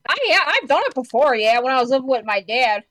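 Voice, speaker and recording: A woman's voice: high voice, lively intonation, quick pace, a bit bright, rough recording. A woman chatting on a casual group voice call, upbeat and talkative. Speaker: call participant.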